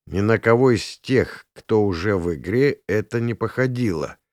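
A man with a low voice narrates a first-person story, his pitch moving a lot as he reads with wry expression. The recording is dry and close, with no room sound. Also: animated, moderate pace, darkish tone, dry recording. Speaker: audiobook narrator.

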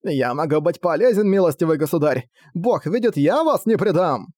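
A man's voice: a little high, sing-song, slow pace, dry recording, studio quality, heavily acted. A man voicing a cowardly male diplomat who stammers and begs for mercy. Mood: pleading. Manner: stammering, pleading. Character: cowardly male diplomat begging for his life.

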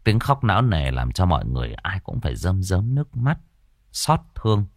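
A man narrating a ghost story in a dramatic, expressive, scripted style. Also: low voice, no room sound, studio quality.

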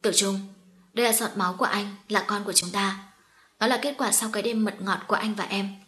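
Woman reading as a sick young woman, weak and pleading, middle pitch. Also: fairly even intonation, a little fast, sharp tone, close to an everyday voice. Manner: urgent, faltering pleading.

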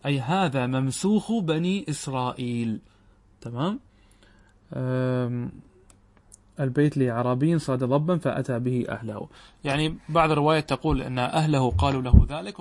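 A middle-aged male scholar teaching grammar at an ordinary pitch. He explains each point patiently, often pausing to ask if the students understand. He reads quoted verses aloud slowly. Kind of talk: classical Arabic grammar lesson.

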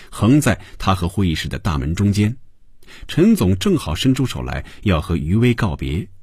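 A man narrating a story in a lively, expressive storytelling manner. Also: low voice, breathy edge, no echo, studio quality. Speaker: audiobook narrator.

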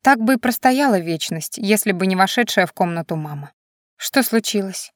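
Woman, first-person audiobook narrator, calm and reflective, mid-pitched, dry. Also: a little fast, no room sound.

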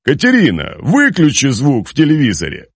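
A man's voice: mid-range voice, wildly swooping pitch, brisk, husky, dry recording, pitched above the performer's own voice, exaggerated voice. A man playing a barking old KGB general. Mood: boisterous. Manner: barking, commanding, coarse. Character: blustering old KGB general, bossy and crude.

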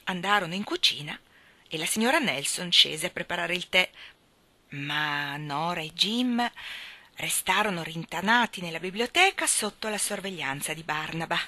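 A woman reading a novel aloud as an audiobook, in an expressive, measured storytelling voice. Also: lowish voice, no room sound. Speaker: audiobook reader. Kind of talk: audiobook narration.

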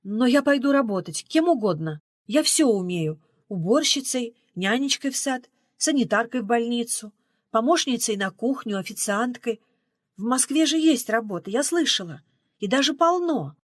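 A woman's voice: a little high, animated, normal speed, no room sound, clean studio sound, pitched above the performer's own voice. A woman reading the part of a stubborn, desperate young runaway woman in an audiobook, pleading and defiant.

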